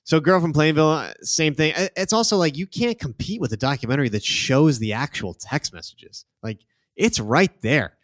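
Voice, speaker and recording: A man hosting a podcast talks in casual chat, opinionated and full of fillers. His pitch swings widely as he speaks, so the delivery sounds lively. The recording is dry and close. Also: normal speed, dry recording. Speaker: podcast host.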